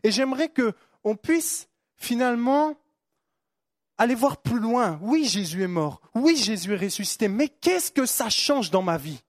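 A man's voice: extremely high pitch, expressive, a little slow, dry recording, studio quality. A young man preaching a sermon, fervent, repeating phrases for emphasis and stumbling on words. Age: young adult.

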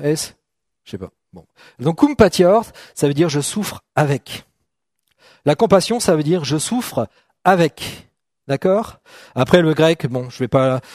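A man's voice: fairly high pitch, a little mellow, no echo, studio quality. A middle-aged man preaching a sermon to a congregation in a conversational way, often checking in with "d'accord?" and joking with people in the room. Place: church hall.

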